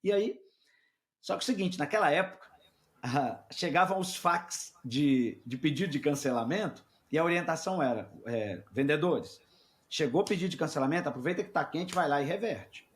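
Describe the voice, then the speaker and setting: A middle-aged man, a sales mentor and podcast guest, telling a work story in lively casual conversation and acting out the people he quotes. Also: on the high side, normal speed.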